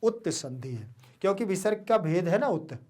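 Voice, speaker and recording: A woman teacher giving an online grammar lesson, repeating key words and asking students quick questions. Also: fairly low pitch, big pitch swings, warm tone.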